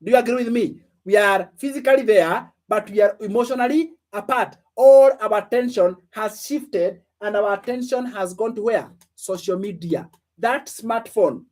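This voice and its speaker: With a highish, darkish voice at a moderate pace, a man in his late twenties teaches as an online business coach. He keeps questioning his listeners and repeating phrases to reinforce his motivational message.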